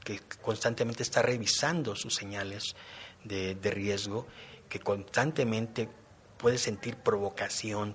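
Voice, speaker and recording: A middle-aged man with a lowish voice, backed by a slight hiss or hum, gives personal testimony about his time in a men's non-violence program. He explains his points using everyday examples.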